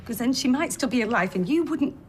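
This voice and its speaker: A woman's voice: on the high side, expressive, fairly quick, a little hiss or hum, close to an everyday voice. Indignant woman, played by an actress. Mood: indignant, agitated. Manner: indignant, sarcastic. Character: defensive, exasperated woman under accusation. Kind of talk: television soap drama.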